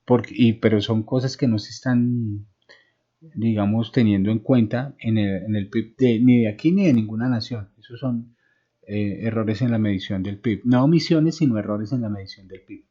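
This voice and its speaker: A middle-aged man lectures over a video call in a low, mellow voice, stopping often on "eh" as he builds up everyday examples. The call audio is dull and lo-fi. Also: fairly even intonation, moderate pace. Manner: explanatory, with many "eh" fillers and homely examples. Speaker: university lecturer. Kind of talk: online class lecture. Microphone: online video call.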